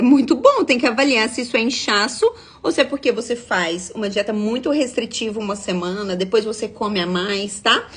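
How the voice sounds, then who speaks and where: A woman's voice: a little high, a bit bright, husky. A young adult woman, a nutritionist giving a live-stream talk, explaining step by step, reading viewer comments and often checking in with tag questions. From Minas Gerais, Brazil.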